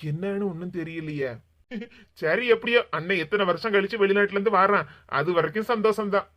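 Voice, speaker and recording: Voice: medium pitch, brisk, a bit bright, lightly acted. A performer voicing a Kanyakumari office man. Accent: Kanyakumari Tamil. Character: young male office worker, good-natured. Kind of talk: animated cartoon dialogue.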